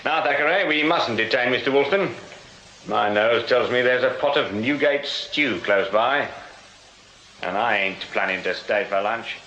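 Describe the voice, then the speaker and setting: An actor playing a shrewd, dry Victorian police sergeant in a radio drama, English accent, measured and wry. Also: male voice, mid-range voice, pushed and bright. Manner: measured, wry, commanding questioner. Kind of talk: period detective radio drama acting. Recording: roomy, muffled recording with heavy background noise.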